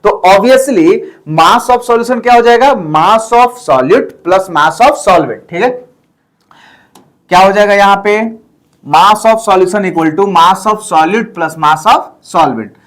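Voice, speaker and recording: A man's voice: high voice, extremely slow, fairly bright tone. A man teaching a chemistry lesson in speech, mixing in English terms and explaining step by step with frequent check-ins. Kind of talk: classroom lecture.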